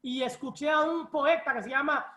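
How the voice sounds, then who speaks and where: A woman pastor preaching a personal testimony in a church, telling stories in a lively way and acting out what people said. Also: sits high, normal speed. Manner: lively storytelling, acts out quoted voices. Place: church hall. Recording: echoey church room.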